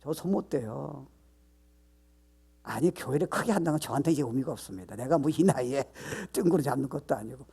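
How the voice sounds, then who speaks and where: A man's voice: mid-range voice, lively intonation, a little fast, vocal fry, warm tone, slightly rough. An older man, a pastor, preaching a sermon with emphatic delivery and frequent rhetorical questions.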